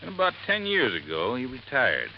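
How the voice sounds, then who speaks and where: In a muffled old radio recording with faint hiss, a man plays a folksy middle-aged handyman at a desert resort in a 1950s radio drama. His mid-range voice swings hugely in pitch, with vocal fry and a moderate pace, as he rambles in a plainspoken drawl. The mood is earnest and folksy.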